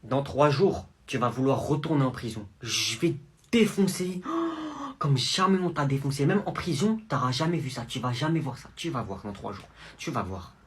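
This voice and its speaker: Brief: a man playing a mother, hushed and threatening, sarcastic. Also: lively intonation, normal speed, slightly rough. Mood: menacing. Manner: low, menacing, sarcastic. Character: stern furious mother visiting her son.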